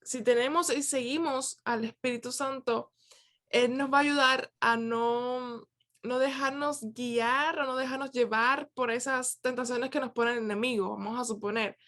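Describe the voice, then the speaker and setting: Woman reflecting warmly in a youth class. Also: high-pitched, steady tone, unhurried. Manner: conversational, with many fillers and restarts. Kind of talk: casual reflective teaching. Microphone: video call.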